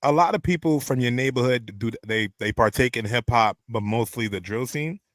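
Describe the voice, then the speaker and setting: A man's voice: mid-range voice, fairly quick, fairly bright tone, no echo. A man hosting a radio interview, talking straight to his online chat and steering the conversation with an upbeat manner. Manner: addresses the chat audience directly. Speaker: radio host.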